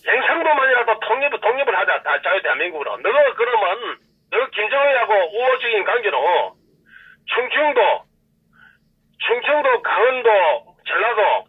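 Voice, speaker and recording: On a call-in show, a man phones in with a Gyeongsang dialect and rants heatedly, repeating himself. His high-pitched voice swings widely in pitch at a normal speed and sounds slightly rough. The tinny phone line makes him sound distant.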